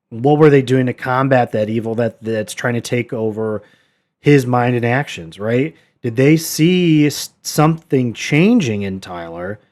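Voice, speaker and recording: A man teaching a Bible study in a relaxed, unscripted way. His voice sits in an ordinary middle pitch, and he turns earnest and exhorting as he talks, with frequent fillers and restarts. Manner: conversational, many fillers and restarts. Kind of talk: casual Bible study talk.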